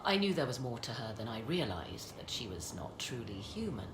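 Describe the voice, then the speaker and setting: A woman with a very low, sing-song voice plays a proud, guarded sorceress who is also a worried mother in dramatic video game dialogue. Her phrasing is formal, deliberate and theatrical, with an uncertain, reflective mood. The scene capture is echoey and noisy.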